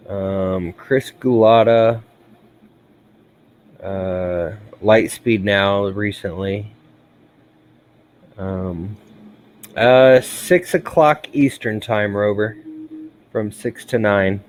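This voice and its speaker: Tired, slow-talking male streamer. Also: on the low side, slight background noise. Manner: relaxed, rambling, sighs often. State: tired, yawning. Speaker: livestream host. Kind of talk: casual livestream chat.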